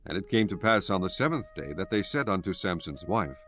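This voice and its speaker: A man's voice: deep voice, expressive, brisk, fairly bright tone. A man reading scripture as a scripted narrator, solemn and formal. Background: prominent music.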